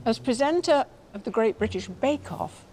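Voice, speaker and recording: A woman's voice: on the high side, lively intonation, moderate pace, warm tone, faint music behind. A woman hosting a TV art competition, welcoming and interviewing a sitter. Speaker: host. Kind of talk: presenting a TV competition.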